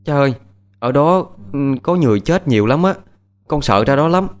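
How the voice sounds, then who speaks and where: Little fisherman's daughter, eager and clingy, high and childish , put on by a male storyteller; faint music under. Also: lively intonation, a little fast, lightly acted. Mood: pleading.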